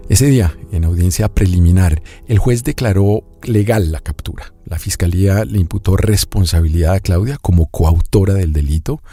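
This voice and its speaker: A man hosting a documentary podcast, reading serious narration and asking his guest questions in a measured way. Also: deep voice, dark tone, faint music behind. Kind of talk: scripted narration and interviewing.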